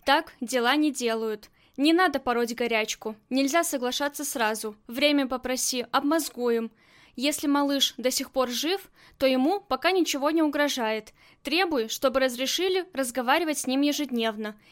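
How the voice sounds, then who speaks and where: A woman reading as a rough, crude gangster man who talks bluntly in slang, in a high voice. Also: moderate pace, close to an everyday voice. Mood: lecturing.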